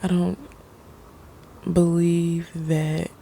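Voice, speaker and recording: Woman, soft ASMR pep talk, near-whisper, mellow and even-pitched, halting delivery, faint noise behind. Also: creaky. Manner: halting, pausing mid-sentence. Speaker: ASMR creator. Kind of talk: soft-spoken ASMR, reflective personal talk.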